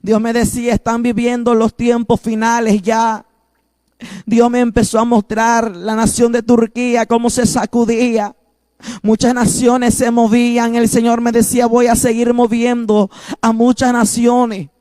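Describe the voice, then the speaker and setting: A man's voice: extremely high pitch, flat delivery, unhurried, mellow, no echo, clean studio sound. A man preaching a fervent prophetic sermon, repeating declarations as he recounts visions.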